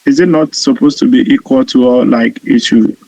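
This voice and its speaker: A man's voice: medium pitch, fairly even intonation, moderate pace, vocal fry, darkish tone, no room sound, low-quality recording. A man asking polite questions in an online class, his call audio choppy and dropping out. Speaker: student. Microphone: video call.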